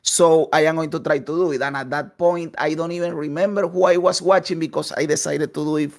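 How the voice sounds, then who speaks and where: Venezuelan guy with a spanish accent, slightly high voice, rambling candidly with lots of "eh". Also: fairly even intonation, fairly quick, creaky. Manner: candid, long-winded, frequent "eh" fillers. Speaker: podcast guest, content creator. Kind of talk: casual interview storytelling. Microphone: voice call over Discord.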